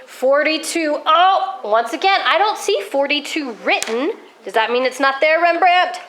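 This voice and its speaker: A woman's voice: high voice, animated, unhurried, a bit bright. A woman teaching a math lesson to a class of children, encouraging them and asking questions, her voice worn and close to giving out. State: coughing, losing her voice.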